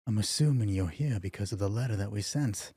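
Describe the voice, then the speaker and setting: A man's voice: fairly low pitch, brisk, dark tone, slightly rough, no echo, clean studio sound. A man voicing a friendly, overly formal male guard captain in his tabletop game, with a stumbling, ceremonious welcome. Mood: welcoming.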